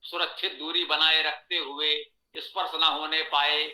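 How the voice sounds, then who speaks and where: A man teaching a Sanskrit pronunciation lesson, explaining slowly and patiently with much repetition. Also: a little high, level tone, sharp tone, echoey room, rough recording. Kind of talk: online lesson lecture.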